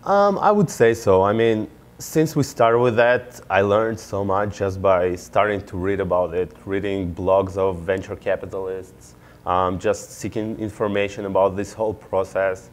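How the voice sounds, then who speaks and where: Very deep-voiced man. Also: unhurried. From Israel. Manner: earnest, explanatory, with occasional fillers. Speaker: MBA student and startup founder. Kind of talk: answering interview questions.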